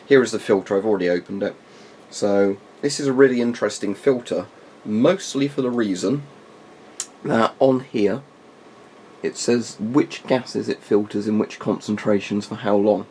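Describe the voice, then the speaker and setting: Low-voiced man giving a casual gear review. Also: moderate pace, a little mellow, poor audio. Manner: informal, rambling explanations with asides. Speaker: military surplus gear reviewer. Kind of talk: casual unscripted product review. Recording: faint background noise.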